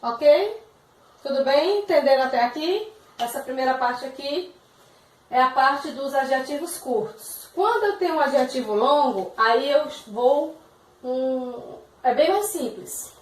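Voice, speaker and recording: A woman's voice: high voice, lively intonation, unhurried, reverberant, recorded from a distance, poor audio. A woman with a Brazilian Portuguese accent, an English teacher giving a recorded video lesson and patiently checking that students follow. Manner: patient, checks understanding often.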